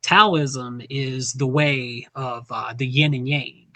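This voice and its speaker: Bright-voiced easygoing male guest. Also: medium pitch, fairly even intonation, slow pace, no echo. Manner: easygoing, informative, with light humor. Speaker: podcast guest. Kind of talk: casual podcast chat.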